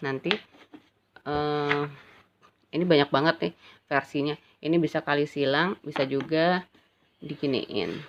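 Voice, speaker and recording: A woman's voice: sits low, measured pace, pauses often. A woman physics teacher gives a casual classroom lecture, chatty and checking in with her students often. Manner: chatty, addresses students as "Nak", frequent "ya kan". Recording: dull lo-fi recording with faint ambient noise.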